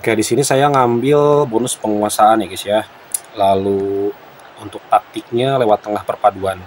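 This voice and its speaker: A man with an Indonesian accent doing casual game commentary for viewers, halting and clearing his throat as he smokes while talking. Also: fairly low pitch, fairly even intonation, a little hiss or hum. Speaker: gaming content creator.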